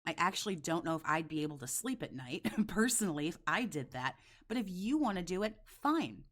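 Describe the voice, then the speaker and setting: A woman delivers reaction commentary in a slightly low voice. She is blunt and sarcastic, scolding her subject and swearing freely as she makes her case. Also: sing-song, fairly quick, a bit bright.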